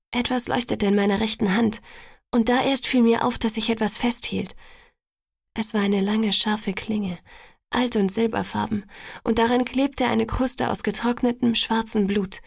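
Hushed, gravelly woman narrating a novel. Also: medium pitch, dry recording, clean studio sound. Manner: hushed, breathy half-whisper. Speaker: audiobook narrator. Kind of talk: first-person novel narration.

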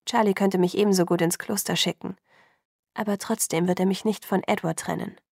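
A woman's voice: lowish voice, fairly even intonation, a little fast, vocal fry, a little mellow, no echo, clean studio sound. A woman voicing a defiant, anxious teenage girl in an audiobook, speaking sharply.

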